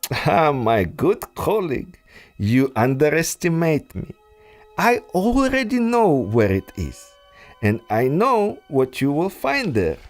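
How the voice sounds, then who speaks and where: A man plays a silky villain scientist, a treacherous exiled aristocrat from Russia, in a pulp adventure audio drama. His exaggerated voice sits a little high with huge pitch swings, slow, deliberate and menacing, recorded with no echo over soft music.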